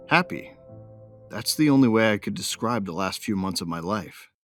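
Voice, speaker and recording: Over soft background music, a man narrates a first-person dramatized audiobook as a cocky, hot-tempered bounty hunter telling his own story. His brash, colloquial, hard-boiled delivery has a smug, easygoing mood. His natural voice is lowish and animated, at a normal speed.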